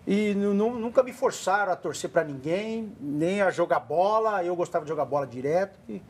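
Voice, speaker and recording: A Brazilian man in his forties, a former goalkeeper appearing as a studio guest, talks casually with a São Paulo Portuguese accent. His voice sits high and is expressive, darkish and slightly rough, at a moderate pace, as he gives earnest advice to children.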